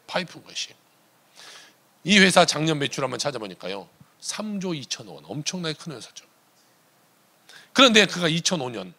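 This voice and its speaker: A middle-aged male pastor preaching a sermon, telling a story with emphatic rises and sudden quiet drops. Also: on the high side.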